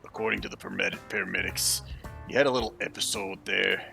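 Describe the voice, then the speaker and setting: A man reads out a businesslike male police officer from a video game. The voice is forceful and gravelly, and the delivery is halting and matter-of-fact. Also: low voice, steady tone, soft background music, pitched below the performer's own voice, exaggerated voice.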